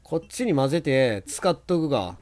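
Excitable Kansai man gaming. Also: medium pitch, normal speed. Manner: excitable, yells and taunts at enemies. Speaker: let's play commentator. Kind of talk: gameplay commentary.

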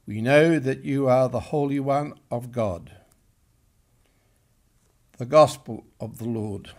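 A man's voice: mid-range voice, slow pace, darkish tone. An older man, a clergyman, solemnly reading scripture aloud at a chapel lectern. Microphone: gooseneck lectern microphone.

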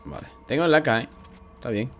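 A young man from Spain with a Spanish accent and a sore throat, commentating a video game casually, swearing often and bursting into loud shouts. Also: medium pitch, big pitch swings, quick pace, soft background music. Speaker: gaming YouTuber. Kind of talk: let's play commentary.

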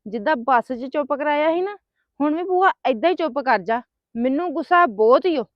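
A woman's voice: sits high, expressive, moderate pace, no room sound. A woman playing a hot-tempered young woman who scolds and rants in a family drama skit. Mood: angry scolding. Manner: sharp, scolding, ranting. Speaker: angry niece heading to confront her sister-in-law. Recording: dry, dull lo-fi sound.

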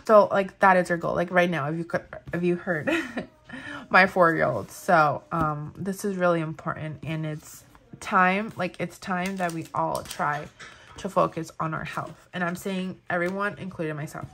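A woman in her thirties with a Spanish accent speaks at a moderate pace in a lowish, fairly bright voice. As a planner vlogger seated indoors at a table, filmed from overhead on her hands, she chats casually and gushes over planner products with plenty of fillers.

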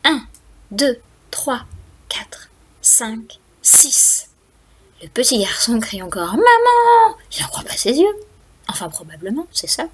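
Female children's storyteller, fairly high and a little breathy, animated reading, talks to the kids and counts aloud. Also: moderate pace. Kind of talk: reading a picture book aloud to young children.

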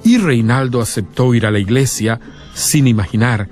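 A man doing measured, dramatic scripted narration for a documentary. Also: medium pitch, a little mellow, faint music behind.

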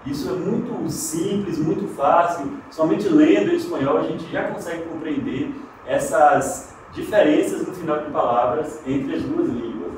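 A man's voice: on the high side, expressive, a little mellow. Echoey Brazilian male teacher, distant. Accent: Brazilian Portuguese. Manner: didactic, slow and emphatic on example words. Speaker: Spanish teacher. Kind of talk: televised exam-prep lesson. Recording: very echoey, distant mic, faint noise.

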